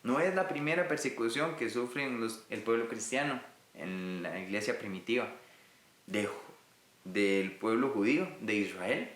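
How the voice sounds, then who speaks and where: A man's voice: medium pitch, a little slow, fairly bright tone, reverberant. A man from Rica, teaching a recorded Bible lesson in an earnest way and speaking directly to his listeners. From Costa Rica.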